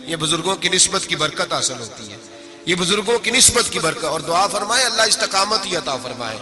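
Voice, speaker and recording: A man preaching a sermon. He tells the story dramatically, with sudden loud outbursts and a sing-song, chanted delivery. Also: high-pitched, big pitch swings, music in the background.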